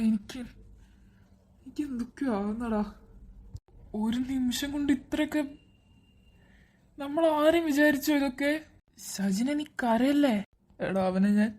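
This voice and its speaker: A woman's voice: on the high side, warm tone, lightly acted. A woman voicing a distressed young man in a cartoon drama, comforting others while stammering in shock. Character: distressed young man, caring older brother type.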